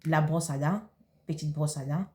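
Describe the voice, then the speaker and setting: Low, mellow woman vlogging. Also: a little hiss or hum. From Cameroon. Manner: hesitant, halting, with many fillers and restarts. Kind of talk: casual vlog, showing products and answering viewer questions.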